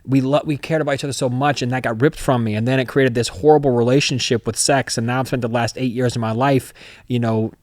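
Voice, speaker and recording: A man hosting a podcast, telling a personal story in a candid, profane way that swings into loud outbursts. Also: medium pitch, fairly even intonation, fast talker, dry recording, clean studio sound. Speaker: podcast host.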